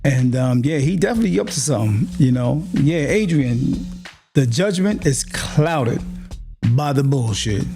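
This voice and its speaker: A man's voice: medium pitch, animated, unhurried, creaky, over music. A man hosting a podcast, reacting bluntly to a clip in slangy, preachy commentary. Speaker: podcast host.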